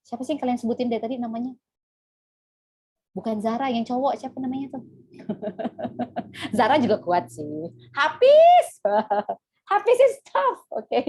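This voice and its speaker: Woman English teacher, high voice, unhurried, playful, code-switching, on a video call. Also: husky. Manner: mixes Indonesian and English, playful, laughs often. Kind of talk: live online class.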